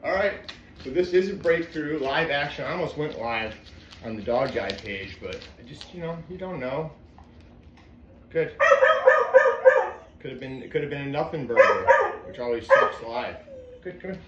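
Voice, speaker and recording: A man working as a dog trainer, calmly explaining a training session to viewers between soft coaxing praise for the dog. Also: medium pitch, moderate pace, pauses often, reverberant, crowd noise. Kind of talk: narrating a training session to camera. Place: indoor room with a dog.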